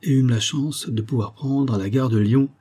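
Mellow husky male audiobook narrator. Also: mid-range voice, moderate pace. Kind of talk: literary first-person narration.

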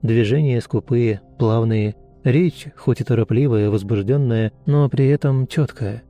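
A man narrating an audiobook in a steady, even storytelling manner. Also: medium pitch, a little slow, faint music behind.

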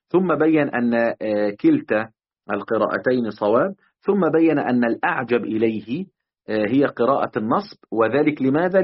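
A man, teaching a study lesson on a classical text with a measured manner and frequent hesitant fillers. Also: mid-range voice, husky. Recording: dull lo-fi audio.

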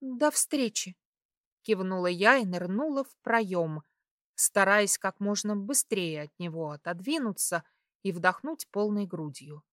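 A woman with a medium-pitched voice narrates a first-person audiobook, telling the scripted story in an expressive, measured way. The studio recording is clean, with no room sound.

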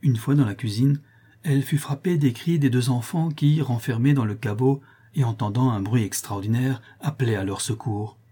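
A man narrating a classic novel as an audiobook in a measured, steady reading style. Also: mid-range voice, slightly rough. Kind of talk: scripted narration.

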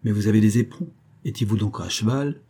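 A man voicing a gruff swaggering musketeer officer. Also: on the low side, fast talker, dark tone. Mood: curt, commanding. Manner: brusque, commanding, mocking. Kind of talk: audiobook character voice.

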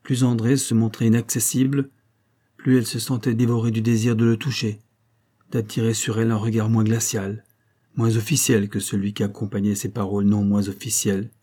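A man narrating a classic novel in a measured, even reading voice. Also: fairly low pitch. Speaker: audiobook narrator. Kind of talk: scripted narration.

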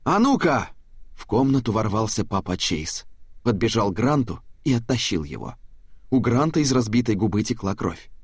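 A man reads an audiobook at an even, steady pace. His voice is husky, and the recording is close and dry. It has the measured feel of scripted narration. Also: fairly low pitch, no room sound.

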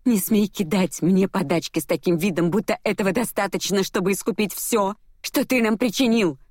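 Reader voicing an enraged young heroine for an audiobook, raised shrill tone, dry close sound. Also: female voice, normal speed, darkish tone, dry recording, close to an everyday voice. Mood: furious. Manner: shrill and desperate, lashing out. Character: furious, grief-stricken young woman, defiant. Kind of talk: audiobook character voice.

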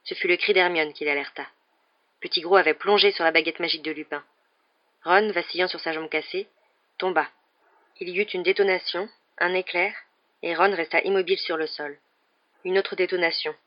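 An audiobook narrator reading a novel aloud in a steady, dramatic way. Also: mid-range voice, normal speed, lo-fi sound.

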